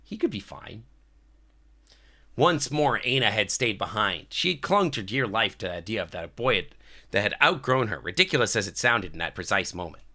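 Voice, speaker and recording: A man livestreams a game, reacting casually and reading game text aloud in slangy, sweary language. His voice is lowish, animated, bright, and forceful at a moderate pace, but it is tiring and starting to give out.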